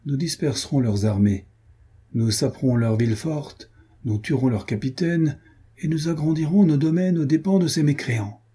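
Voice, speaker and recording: A man's voice: medium pitch, warm tone, breathy edge, voice pushed up, close to an everyday voice. A man reading aloud, voicing an arrogant, proud foreign nobleman and warrior who speaks haughtily. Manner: haughty, boastful.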